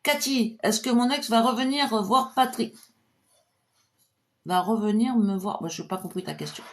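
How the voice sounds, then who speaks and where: Cheerful chatty woman clairvoyant. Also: normal speed. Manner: cheerful and chatty, drops to a low murmur for invocations. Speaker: clairvoyant doing pendulum readings. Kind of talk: live-stream reading of viewers' questions.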